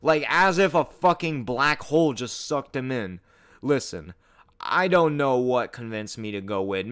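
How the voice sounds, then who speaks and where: A man telling a travel horror story in a storytime narration, profane and animated, getting louder and higher at the scary parts. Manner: profane, animated storytelling that climbs loud and high at tense moments. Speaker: storytime YouTuber.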